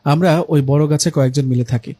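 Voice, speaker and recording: A man's voice: on the high side, a little fast, warm tone, dry recording, lightly acted. A man voicing a mischievous, teasing male ghost in a spoken story.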